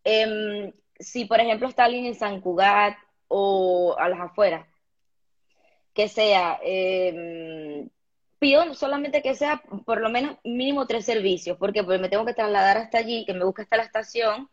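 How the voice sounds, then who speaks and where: A Venezuelan woman, a home manicurist, chatting as a guest in an interview in a lively, practical and self-assured way. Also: medium pitch, normal speed. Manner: lively, practical, sure of herself. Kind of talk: casual interview chat. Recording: dull lo-fi sound.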